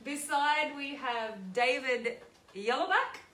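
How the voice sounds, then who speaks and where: Australian woman, sing-along host, chatty and giggly, unhurried, echoey room, music under. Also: high-pitched, a bit bright. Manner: chatty, giggly, introduces people informally. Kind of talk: casual chat between hymns. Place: room with a piano and a small group.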